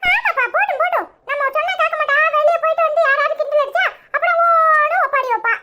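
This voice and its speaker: A woman voicing a sharp-tongued young daughter in a cartoon, teasing and scolding with a Tirunelveli accent. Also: very high voice, fast, pitched above the performer's own voice. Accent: Tirunelveli Tamil.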